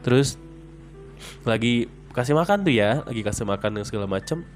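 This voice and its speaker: A man's voice: medium pitch, animated, brisk, soft background music. A young man telling a personal story in a chatty, rambling way, full of fillers.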